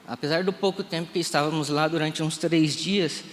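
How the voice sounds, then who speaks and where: Emotional Brazilian pastor in echoing church. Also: male voice, fairly high pitch, fairly even intonation, moderate pace. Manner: emotional storytelling, re-enacting dialogue. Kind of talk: live church testimony sermon. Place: church sanctuary. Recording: reverberant hall, faint room noise.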